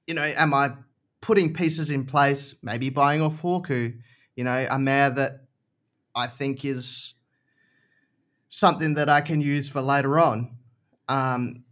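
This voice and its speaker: A man's voice: medium pitch, fairly bright tone. A man chatting casually as a podcast guest, explaining things informally and repeating short phrases for emphasis. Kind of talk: casual chat.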